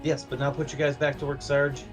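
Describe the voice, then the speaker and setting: A man co-casting a live strategy game, excitable and jokey, talking in quick bursts. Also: a little high, over music. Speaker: esports co-caster.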